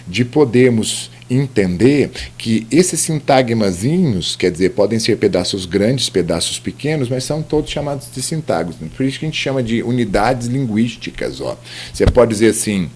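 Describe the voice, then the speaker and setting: Lively man teaching grammar. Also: medium pitch. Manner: lively, explanatory, many tag questions. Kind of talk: recorded slide lecture.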